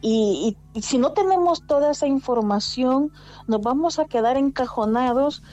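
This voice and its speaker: A woman, an immigrant living in Spain who advocates for domestic workers' rights, tells her story as an interview guest in conversational testimony. She's earnest, often restarts sentences, and urges listeners on, her voice sitting high, expressive and warm at normal speed. The audio is dull.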